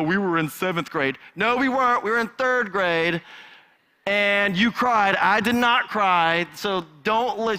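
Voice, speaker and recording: An animated male pastor telling a story from the pulpit with a bright, forceful voice. He acts out the voices of the people in his story, and his pitch sits a little high for a man. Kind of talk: sermon with personal story. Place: church sanctuary.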